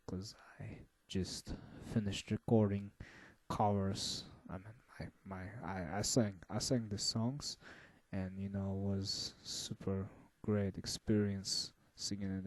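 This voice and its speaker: A man giving a casual album review, halting and full of fillers and restarts. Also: fairly low pitch, level tone, no echo. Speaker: music reviewer.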